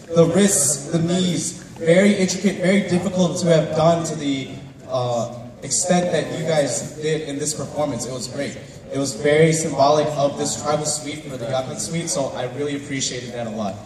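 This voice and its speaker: Emphatic male judge in a crowded hall. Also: fairly high pitch. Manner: emphatic and animated, stresses key words. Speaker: dance competition judge. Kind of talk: live spoken feedback. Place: large hall at a live competition. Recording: echoey hall from far off with crowd.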